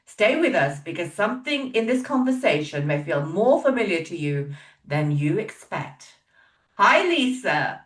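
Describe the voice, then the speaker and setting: Hosting a podcast from home in British weather, a woman delivers a scripted intro and then moves into casual interview chat, upbeat and emphatic in a motivational way. Her medium-pitched voice is very animated but a little slow. The recording is roomy and echoey, a bit far from the mic, with faint music.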